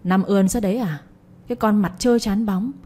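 A woman does an older father crushed by shame, speaking in a lowered, darker voice. His tone is husky and weighty. It is a spoken story told by a single reader. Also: a little fast, warm tone, close to an everyday voice. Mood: raging. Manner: begging neighbor, then bellowing at daughter. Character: ashamed older father, pleading then raging.

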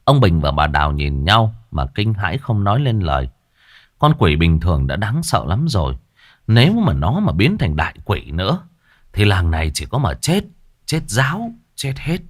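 A man narrating a ghost story in a dramatic, expressive way. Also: low-pitched, moderate pace, dry recording, clean studio sound.

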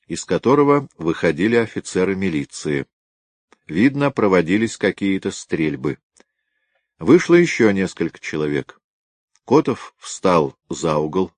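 Deep-voiced man reading a detective novel. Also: dry recording. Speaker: audiobook narrator. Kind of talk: scripted narration of a detective novel.

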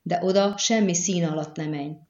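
Woman voicing a calm, hurt young man, low voice, echoey dull recording. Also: close to an everyday voice. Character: wounded young man, cool and teasing.

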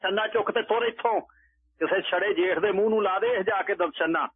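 A man's voice: high-pitched, fairly quick, slightly rough, dry recording, voice pushed up. Man putting on a brash drunken old holy man. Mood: mocking. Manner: bold, mocking, shouting insults. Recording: tinny phone-like radio line.

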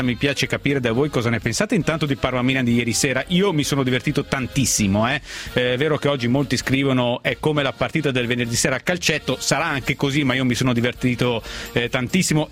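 A man's voice: mid-range voice, a bit bright. A man hosting a live sports radio phone-in, talking in a wry, loosely phrased monologue.

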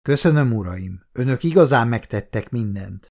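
A male audiobook reader voicing a composed general who speaks calmly and firmly. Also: mid-range voice, gravelly. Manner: calm, measured.

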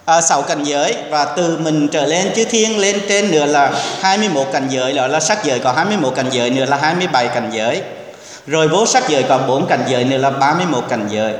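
A man, a Buddhist monk, giving an earnest, exhorting sermon to a temple congregation, now and then dropping in English words. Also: fairly high pitch. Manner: earnest, exhorting, acts out quoted speech. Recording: echoey hall with long reverb.

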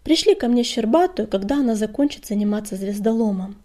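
A woman voicing a stern female cat clan leader who speaks in a calm, firm way in a storybook reading. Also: a little high, fairly quick, breathy edge.

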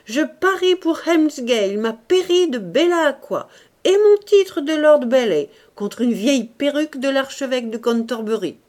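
Woman doing brash gambling aristocrat, loud, raised pitch, audiobook. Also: expressive, measured pace. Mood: exultant. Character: boastful gambling English lord, excited.

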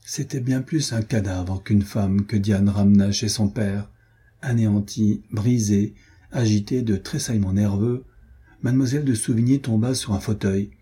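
A man narrating a historical novel as an audiobook, measured and dramatic. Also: fairly low pitch, steady tone, mellow, husky. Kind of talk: reading a historical novel aloud.

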